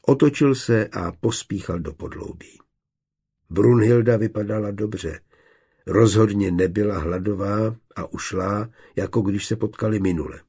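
A man narrating an audiobook in a steady, measured way. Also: on the low side, breathy edge.

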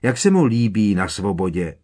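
A man's voice: lowish voice, very animated, a little mellow. A man voicing a polite, curious teenage boy wizard in a storybook, asking plain, puzzled questions.

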